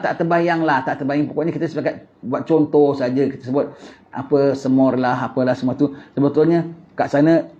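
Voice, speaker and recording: Singaporean malay guy preaching, mellow voice, kinda dull lo-fi sound, lots of rhetorical questions. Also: on the high side. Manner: animated, rhetorical questions, repeats phrases. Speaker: religious teacher. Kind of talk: religious lecture.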